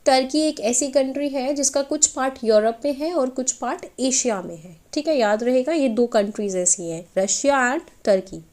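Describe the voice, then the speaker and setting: A woman with a high, bright voice gives an exam-prep geography lecture. She walks through a map and keeps asking questions, then answers them herself. She checks in with her listeners again and again. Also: normal speed, few pauses. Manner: question-and-answer teaching, frequent check-ins. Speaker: teacher.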